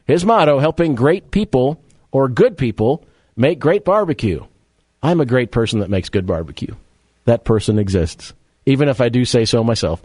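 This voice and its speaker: Brief: male sports radio host, mid-pitched, wry and chatty, dry studio sound. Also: expressive, normal speed, a little mellow, breathy edge, dry recording. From Rochester, New York area. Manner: chatty, wry asides, rattling off details. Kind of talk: sports talk radio monologue and live read. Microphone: studio mic.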